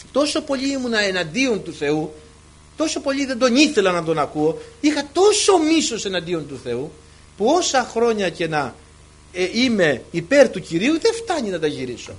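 A middle-aged man preaching to a congregation, telling his own testimony, swinging from hushed words to cries. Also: sits high, very animated. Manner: impassioned, swings from hushed to shouting. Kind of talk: sermon with personal testimony. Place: church hall with congregation.

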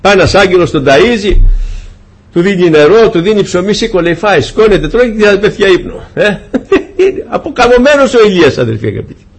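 Speaking in a high voice, a preacher brings a scripture story to life with humor and energy, voicing the characters' dialogue himself during his sermon.

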